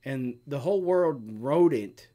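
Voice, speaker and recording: A middle-aged man co-hosts a homestead live stream, his voice a little high, mellow and unhurried. He chats casually and takes questions, rambling through explanations with plenty of fillers.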